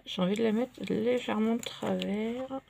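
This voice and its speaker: A woman chatting casually while she crafts at her table, relaxed and full of fillers. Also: a little high, moderate pace, vocal fry, slight background noise. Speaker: craft vlogger.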